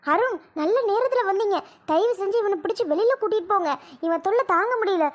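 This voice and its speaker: A woman voicing an injured young wife in a cartoon, who is furious and scolds sharply. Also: quick pace. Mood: relieved, complaining. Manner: shrill, scolding, exasperated. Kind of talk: cartoon voice acting.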